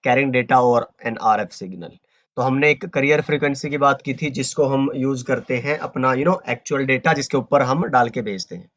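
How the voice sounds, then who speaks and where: A man's voice: medium pitch, moderate pace, fairly bright tone, highs cut off. A man teaching a networking course online, explaining in a conversational way and dropping English terms and fillers like "you know" as he goes. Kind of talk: online lecture.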